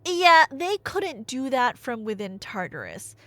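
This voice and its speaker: Unhurried and high-voiced, a woman acts out a nerdy girlfriend in an audio roleplay, captured in a dry recording. Her storytelling is animated, rambling, and conversational, peppered with rhetorical questions and wry asides.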